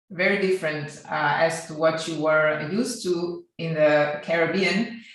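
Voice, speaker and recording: A podcast interviewer asking questions haltingly, repeating words as the questions take shape. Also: mid-range voice, fairly bright tone. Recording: very echoey room.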